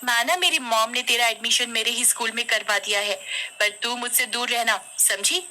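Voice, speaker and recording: A woman's voice: a little high, fairly even intonation, normal speed, bright, forceful tone, a little hiss or hum, pitched above the performer's own voice, rough recording. Woman doing a snobbish rich schoolgirl. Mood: sneering. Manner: sneering, mocking.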